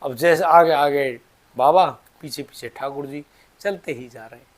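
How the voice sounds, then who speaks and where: A man narrating a devotional story, moving between hushed and raised delivery. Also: a little high, measured pace.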